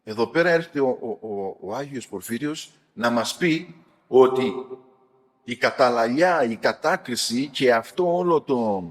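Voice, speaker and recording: A man, a priest, retelling stories of elders in an animated sermon, swinging between loud and soft. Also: mid-range voice. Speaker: priest giving talks. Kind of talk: sermon-like storytelling talk. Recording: long hall reverb.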